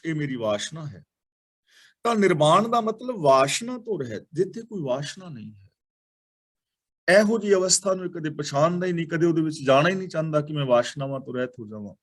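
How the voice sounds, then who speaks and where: Earnest man slowly expounding scripture verses. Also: on the high side. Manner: slows and stresses each verse word, then explains it; earnest, repeats key words, lists pairs of opposites. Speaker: Sikh scripture teacher. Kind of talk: explaining religious verses in class.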